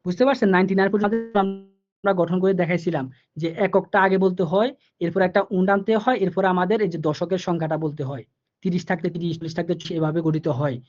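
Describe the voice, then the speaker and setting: A man teaching German numbers in a live online class, explaining each step slowly, repeating himself and asking the students questions. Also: high-pitched, steady tone, faint music behind. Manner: repetitive, patient, asks the students questions. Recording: dull lo-fi online class audio.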